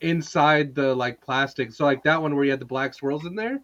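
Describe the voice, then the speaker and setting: A man co-hosting a casual chat, joking and quick with quips. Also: mid-range voice, a bit bright. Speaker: podcast co-host. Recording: dull, muffled mic.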